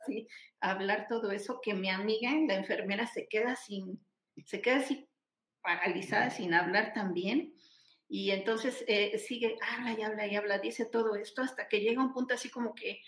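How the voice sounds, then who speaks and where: Woman, mid-pitched, casual storyteller who acts out quoted dialogue, recorded in a roomy, echoey space. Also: normal speed. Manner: lively retelling with acted-out quoted dialogue and frequent restarts. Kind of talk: casual spoken storytelling in a live chat. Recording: echoey room.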